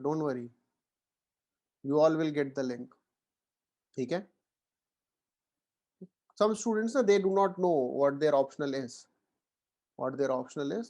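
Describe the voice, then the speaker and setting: Indian male teacher with a raised pitch. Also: warm tone. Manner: Hindi-English code-switching, frequent "theek hai" check-ins; encouraging, reassuring students. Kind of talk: online lecture.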